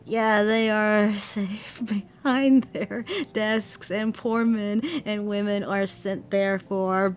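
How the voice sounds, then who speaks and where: A woman co-hosting a casual reaction stream, giving blunt, animated opinions. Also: medium pitch, slow, few pauses, faint music behind. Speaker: vtuber co-host reacting to news.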